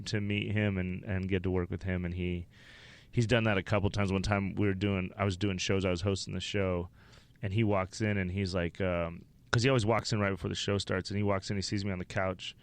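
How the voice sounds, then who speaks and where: A man's voice: low-pitched, flat delivery, fairly quick, clean tone. A man from Wyoming, a stand-up comedian, telling rambling, profane stories as a podcast guest. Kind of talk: casual interview storytelling.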